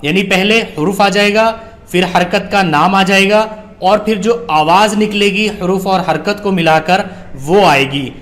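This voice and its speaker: A man teaching Quran reading, spelling letters out slowly and deliberately, then explaining the lesson. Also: high-pitched, fairly bright tone.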